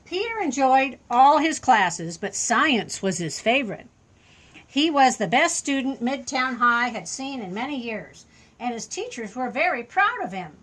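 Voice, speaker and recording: An older woman reads a children's story aloud in the manner of a grandmotherly storyteller, pausing for simple, expressive asides that explain things to a small child. Her voice is high-pitched and her delivery unhurried.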